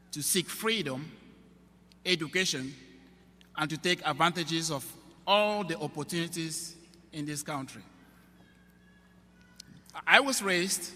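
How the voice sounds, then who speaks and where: A young man from Cameroon delivers a prepared commencement address at a podium, his voice pitched a little high and bright. He talks slowly in measured, earnest phrases, and a long reverb from the big auditorium trails after every line. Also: a little hiss or hum. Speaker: student trustee giving a commencement speech. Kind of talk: formal prepared speech. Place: large auditorium. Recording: long reverb of a large hall.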